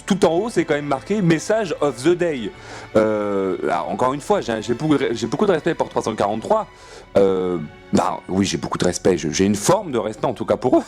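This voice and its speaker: A man giving casual gameplay commentary with a lively voice that leaps up and down in pitch. He rambles in playful rants, swears freely and keeps restarting his sentences. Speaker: gaming channel host.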